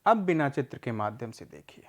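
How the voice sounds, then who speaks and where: A man teaching a recorded adult literacy lesson, patiently asking questions and answering them himself, repeating words slowly for learners. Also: medium pitch, big pitch swings.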